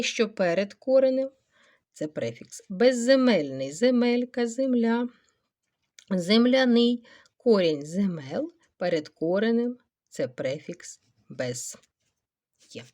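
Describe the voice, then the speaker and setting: Female teacher, mid pitch, animated intonation, walks through exercises aloud, stretches key syllables. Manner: thinks aloud, stretching and stressing word parts; checks in with rhetorical questions. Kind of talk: recorded grammar lesson walkthrough.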